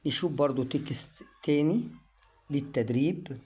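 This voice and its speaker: Speaking in a fairly high, mellow and husky voice, a man with an Egyptian Arabic accent runs an online English pronunciation lesson. Each word gets its own slow, drawn-out drill.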